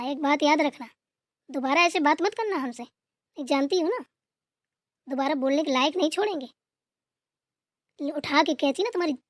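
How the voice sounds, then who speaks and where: A woman's voice: high voice, no room sound, clean studio sound. A woman voicing a stern, domineering grandmother in a cartoon who scolds and gives orders. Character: stern bossy grandmother, head of the house.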